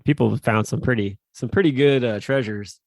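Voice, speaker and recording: A man's voice: mid-range voice, fairly quick, no echo, clean studio sound. A man co-hosting a casual podcast, telling rambling stories with lots of fillers and restarts. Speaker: podcast co-host. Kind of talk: casual chat.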